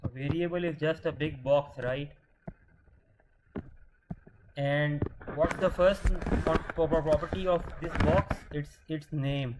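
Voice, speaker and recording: A man with a slightly high, fairly even voice teaches programming at a slow pace over a noisy background. In this screen-share lesson he patiently asks questions and answers them himself. He often breaks off and restarts words.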